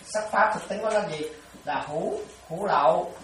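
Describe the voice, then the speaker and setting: A woman with a fairly low voice gives a slightly fast dharma talk as a Buddhist teacher, repeating phrases and frequently asking whether her listeners follow. The echoey room is captured by a distant mic, with faint ambience and slight background noise.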